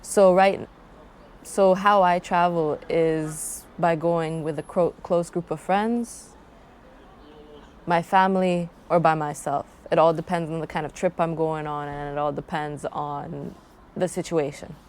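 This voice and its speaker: Her voice is low and a little mellow, steady in tone and measured in pace, with a little hiss or hum audible. The young Croatian travel vlogger casually introduces herself and her channel to camera, rambling thoughtfully and restarting often.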